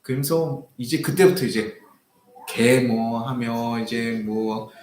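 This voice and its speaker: A man's voice: medium pitch, takes it slowly, a little hiss or hum. A young man preaching a sermon as pastor, telling a personal story and acting out a heated argument. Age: young adult. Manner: animated, acts out quoted arguments in raised voice. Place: church sanctuary. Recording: echoey church hall.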